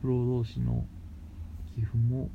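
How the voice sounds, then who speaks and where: A man talking casually as a radio host, explaining things in halting, phrase-by-phrase steps. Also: medium pitch, little pitch movement. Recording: muffled lo-fi with faint background noise.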